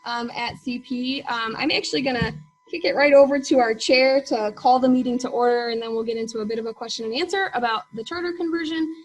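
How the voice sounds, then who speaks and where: A woman's voice: a little high, fast talker, poor audio. A woman presenting informally at a meeting as its chief executive, hesitating often with ums. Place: meeting room.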